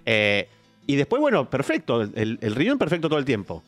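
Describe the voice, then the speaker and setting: A man's voice: mid-range voice, huge pitch swings, fairly quick, soft background music. Guy on the radio telling a story, laughs easy, swoopy voice. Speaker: radio guest. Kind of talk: casual radio chat. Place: radio studio.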